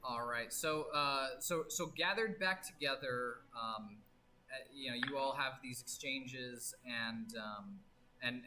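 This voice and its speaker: A man narrating as game master of a tabletop game, describing scenes with many pauses and restarts. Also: mid-range voice, bright, forceful tone, rough recording. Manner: halting, full of fillers and restarts, descriptive.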